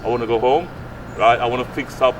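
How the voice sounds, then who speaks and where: This interview takes place outdoors on an urban street beside brick flats, where a Guyanese youth fitness coach and community mentor in his late 60s talks quickly and earnestly, in a medium, steady voice. He repeats himself and often adds "right?" He holds a handheld mic at his chest, and the distant pickup catches clear street noise.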